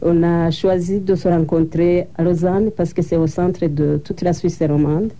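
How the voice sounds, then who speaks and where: Low, mellow-voiced woman recounting plainly. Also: fairly even intonation, unhurried. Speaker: interviewee, association co-founder. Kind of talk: radio interview answers.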